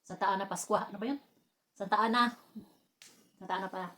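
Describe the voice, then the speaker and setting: A woman from the Philippines chatting casually while eating, telling family stories with frequent laughter and lively bursts. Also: mid-range voice, fast talker. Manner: laughs often, animated when telling anecdotes. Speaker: vlogger.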